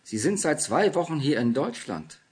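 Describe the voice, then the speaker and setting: A man's voice: medium pitch, normal speed, gravelly, husky. A man voicing an elderly, courteous and curious male bookseller who asks polite, probing questions.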